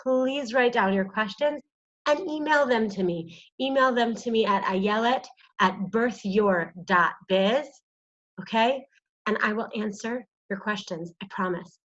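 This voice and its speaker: Woman, fairly high voice, chatty coaching walk-through, earnest, lots of ums, muffled lo-fi webcam sound. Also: unhurried, a bit bright. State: shivering from cold. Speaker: business coach for doulas. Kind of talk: casual video training walk-through. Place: indoors, cold room.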